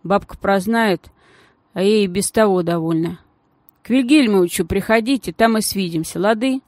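Женщина озвучивает в аудиокниге застенчивого мальчишку с улицы, говорящего грубовато и по-простому, с бормотанием. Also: female voice, mid-range voice, moderate pace, darkish tone, dry recording, close to an everyday voice. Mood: bashful. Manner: gruff, folksy, mumbling. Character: shy, rough-spoken street boy.

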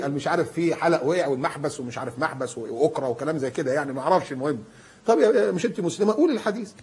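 A middle-aged man with an Egyptian Arabic accent preaching a sermon, joking and acting out everyday scenes in an animated way. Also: fairly high pitch, husky. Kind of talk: humorous Friday-style sermon.

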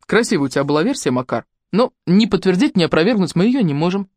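A woman's voice: on the low side, expressive, fast talker, a little mellow, dry recording. Woman voicing a weary man detective, sarcastic, grumbling, dry close sound. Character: gruff tired male detective.

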